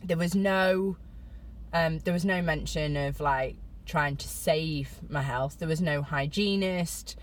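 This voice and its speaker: A middle-aged British woman chatting casually to camera, telling a personal story with self-mocking humour and sudden high jumps for emphasis. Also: slow pace. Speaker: vlogger.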